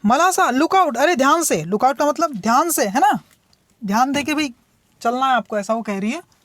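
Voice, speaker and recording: A young woman teaching English. She reads each story line slowly, then explains it in quick Hindi and keeps checking in with her students. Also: sits high, expressive, no echo. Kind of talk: bilingual lesson explaining a story.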